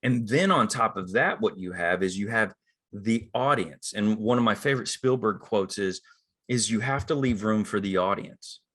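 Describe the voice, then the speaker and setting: A man's voice: on the low side, normal speed, fairly bright tone. A middle-aged man, an acting coach, talking casually about screen acting and acting out the thoughts he quotes. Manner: conversational, acts out quoted inner thoughts. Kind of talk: casual teaching talk on acting.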